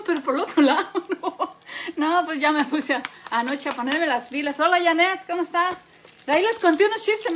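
A woman's voice: sits high, slight background noise. A Mexican woman chatting and joking with viewers while she cooks, laughing often and talking into a phone held close in her home kitchen. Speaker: cooking livestream host. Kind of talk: casual chat while cooking. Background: faint frying and sizzling.

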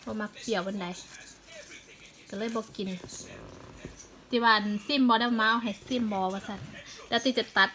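Woman vlogger, Isan Thai accent, friendly step-by-step explainer, voice a touch high, faint hiss behind. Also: steady tone, normal speed, long pauses, fairly bright tone, low-quality recording. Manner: chatty, explains plant care step by step. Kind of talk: casual home vlog tour.

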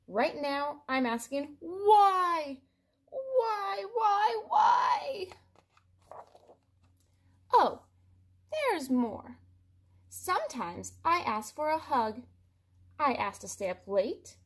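A woman gives voice to an indignant, dramatic male pigeon from a picture book, complaining in an exasperated, drawn-out, emphatic way. She pitches her voice high, pushing it upward.

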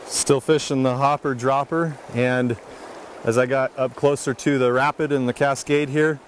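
A man narrating a fly fishing lesson in a calm, explanatory manner. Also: medium pitch, normal speed, slight background noise. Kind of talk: instructional voice-over narration.

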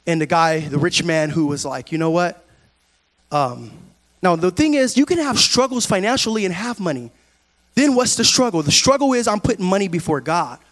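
A middle-aged man preaching a sermon in a large church, on a handheld mic, dropping low and quiet and then rising to shouted preaching. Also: expressive, normal speed. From California. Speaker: pastor.

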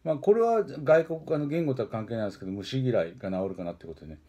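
A man hosting a weekly book-introduction stream, rambling casually with frequent filler pauses and self-corrections. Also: medium pitch, lively intonation, dark tone, lo-fi sound. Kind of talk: casual spoken book review.

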